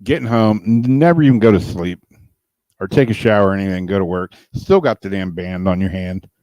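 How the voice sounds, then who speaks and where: A man co-hosting a casual chat, telling a laid-back story, laughing often and letting his voice trail off quietly. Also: low-pitched, a little fast, no echo, dull audio. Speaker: podcast co-host.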